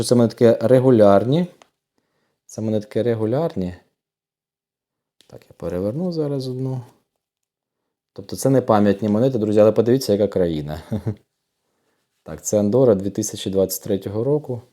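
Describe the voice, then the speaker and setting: Male host for casual unboxing chat, lowish warm voice, chatty and unhurried, talks straight to his viewers. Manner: chatty, often addresses viewers as friends, thinks aloud. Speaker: coin collector channel host.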